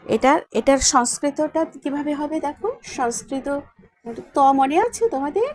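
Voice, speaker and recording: At a whiteboard, a woman with a Bengali accent teaches a Sanskrit lesson, spelling words out letter by letter and asking her students checking questions. Her high voice is unhurried and a little mellow.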